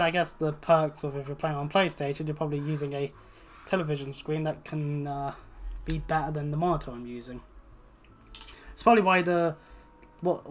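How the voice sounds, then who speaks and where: Over background video game music and slight background noise, a mid-range voice rambles through casual gameplay commentary. The speaker is a British let's player full of swearing and sarcasm.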